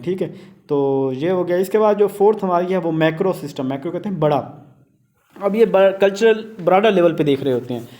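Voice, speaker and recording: A man's voice: on the high side, darkish tone. A man teaching a theory lesson, mixing in English terms and often checking "theek hai na" with the listener. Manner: mixes English terms and read English lines into speech. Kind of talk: lecture explaining theory.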